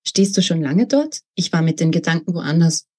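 A woman voicing a dreamy, gentle young woman in a read-aloud novel, talking in a soft, apologetic way. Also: fairly low pitch, expressive, moderate pace, slightly rough.

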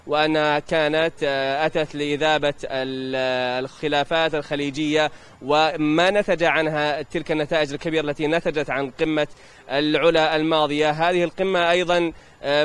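A man with a Saudi accent giving a live news report outdoors into a handheld microphone, halting as he searches for words. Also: on the high side, clean tone. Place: outdoors in a large open plaza.

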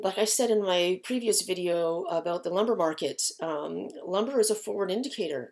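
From a cramped indoor office stacked with file shelves, a Canadian lumber market analyst and host chats through market conditions in an easygoing, explanatory manner. She's middle-aged, and her voice is on the low side with a darkish quality.

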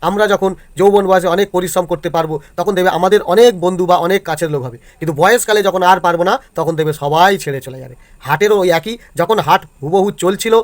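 A male teacher explains exam answers to students step by step and keeps checking that they follow. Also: high voice. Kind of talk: exam answer walkthrough lesson.

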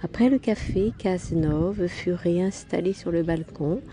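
A woman reading a novel aloud in calm, unhurried scripted narration. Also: fairly low pitch. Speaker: audiobook reader.

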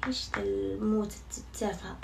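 A woman's voice: medium pitch, little pitch movement, fast talker, gravelly. A young woman chatting casually to her viewers, self-mocking and swearing oaths often. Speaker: vlogger. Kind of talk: casual vlog chat to viewers. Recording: somewhat far from mic, faint background noise.

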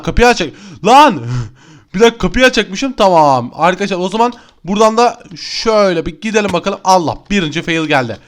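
A young man with a high, bright voice narrates his Minecraft game for his channel. He is excitable and easily exasperated, and he keeps turning to his viewers like friends. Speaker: gaming YouTuber. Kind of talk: Minecraft let's-play commentary.

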